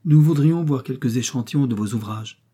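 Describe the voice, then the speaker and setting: A man reading an audiobook voices a smug young lace-shop clerk with pompous, overly polite salesman talk, a little higher than his own voice. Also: moderate pace, dark tone, slightly rough, close to an everyday voice.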